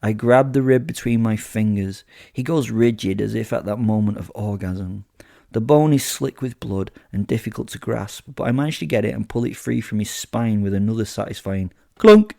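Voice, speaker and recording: In a dry, studio-quality recording, a man with a lowish, creaky, mellow voice speaks at a moderate pace. He voices a sadistic, gleeful male werewolf serial killer narrating his kills in first-person horror audio drama. His mood is gloating and matter-of-fact, with flippant, theatrical asides.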